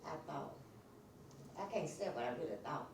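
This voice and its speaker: A woman's voice: deep voice, animated, normal speed, vocal fry. Older lady telling it straight in church class, far from mic, echoey room, hiss in the back. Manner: frank, blunt, plain-spoken. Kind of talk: personal storytelling. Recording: echoey room from afar with noise.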